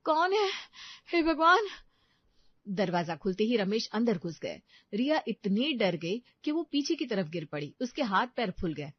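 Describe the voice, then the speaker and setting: A woman narrating a storybook tale in a lively, expressive way. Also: mid-range voice, normal speed, slightly rough, lo-fi sound.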